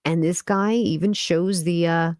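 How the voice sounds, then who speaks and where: A woman hosts a live stream, giving chatty commentary laced with indignant sarcasm. Her voice sits on the low side, and her talk is packed with casual fillers. The sound is dry, with no room echo. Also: fairly even intonation, measured pace, darkish tone. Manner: chatty, frequent "like" and "you know" fillers. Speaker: crypto channel host.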